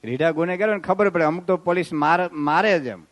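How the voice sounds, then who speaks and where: A man's voice: fairly high pitch, fairly quick. A man giving a devotional sermon as a swami, telling stories and breaking into sung verses. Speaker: swami giving a religious discourse.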